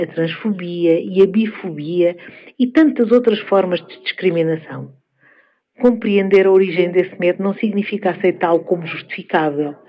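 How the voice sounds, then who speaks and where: Calm low-voiced Portuguese woman reflecting. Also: lo-fi sound. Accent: European Portuguese. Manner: measured, thoughtful, with frequent pauses. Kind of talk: reflective spoken essay.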